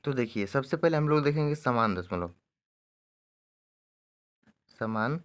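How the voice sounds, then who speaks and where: A man teaching a maths lesson, explaining each step slowly and often checking in with his students. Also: medium pitch, lively intonation. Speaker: math teacher.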